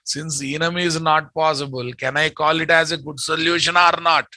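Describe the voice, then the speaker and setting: A man's voice: a little high, steady tone, moderate pace, sharp tone, no room sound. A man with a Telugu Indian accent teaching programming live, speaking emphatically, repeating his statements and quizzing his students.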